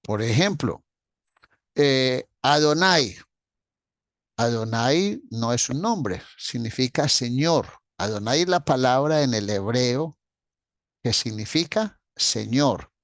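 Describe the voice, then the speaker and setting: A man leads a doctrinal Bible class, talking straight to his listeners and going over each point more than once. His voice sits at an ordinary middle pitch. The sound is dry and close, with no room echo, and he clears his throat now and then. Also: expressive, slow pace. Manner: explanatory, addresses listeners directly, repeats key points. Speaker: Bible teacher.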